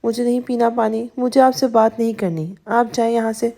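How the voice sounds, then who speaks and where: A woman's voice: fairly high pitch, steady tone, creaky, warm tone. A woman voicing a hurt young wife who speaks in a pleading, broken way with trailing phrases. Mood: tearful refusal.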